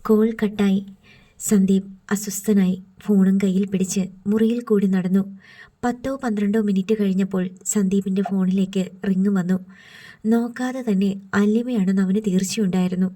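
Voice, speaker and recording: Woman reading an audiobook with a mellow voice. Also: mid-range voice, fairly even intonation, moderate pace, far from the mic. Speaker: audiobook narrator. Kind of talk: scripted narration.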